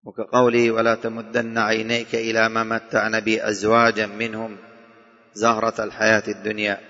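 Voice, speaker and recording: A man's voice: fairly low pitch, completely flat delivery, sharp tone. Man teaching Quran commentary in an echoing hall. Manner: slow measured recitation of verses between explanations; dictates to students, repeats points. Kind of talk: classroom Quran commentary lesson. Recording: dull echoing hall recording.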